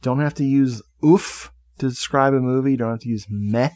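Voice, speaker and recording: Guy cohosting a podcast, joking around and cussing, normal pitch, easygoing. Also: moderate pace, a little mellow. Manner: loose, joking, swears freely. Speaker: podcast co-host. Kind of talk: casual chat.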